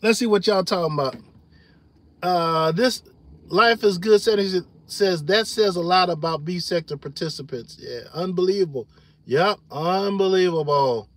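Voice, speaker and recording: A middle-aged man chatting casually on his livestream, animated and loose, laughing often and reading chat comments aloud. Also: sits high, normal speed. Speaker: livestream host.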